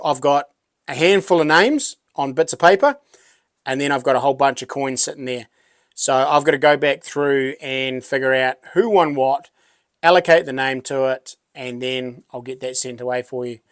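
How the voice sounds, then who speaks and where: A man's voice: mid-range voice, smooth, no room sound, clean studio sound. A middle-aged man with a broad New Zealand accent chats casually and matily as a livestream host, rambling in a laid-back way as he answers viewers. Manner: matey, laid-back and rambling, with local slang.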